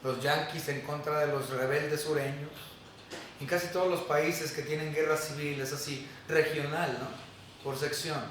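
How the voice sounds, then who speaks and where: A man's voice: a little high, fairly even intonation, moderate pace, fairly bright tone, far from the mic, slight background noise. Man preaching in an echoey hall. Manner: conversational, asks the congregation questions. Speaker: pastor. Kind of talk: sermon. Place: church hall.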